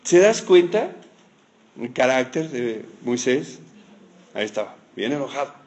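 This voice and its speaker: A man's voice: medium pitch, sing-song, unhurried, darkish tone. A man preaching a sermon, telling a Bible story in a playful, teasing way with joking asides.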